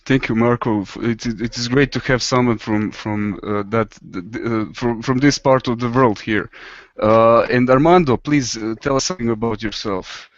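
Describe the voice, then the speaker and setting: A man hosting an online webinar, introducing guests in a halting manner that stumbles over words. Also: mid-range voice, no room sound. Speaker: host. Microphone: video call. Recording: dull, dry online call audio.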